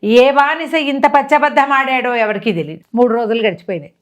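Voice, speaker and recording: A middle-aged woman telling a dramatic story in a casual talk-show manner, lifting her pitch sharply for emphasis. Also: brisk. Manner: animated, swings up in pitch for emphasis. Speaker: storyteller guest.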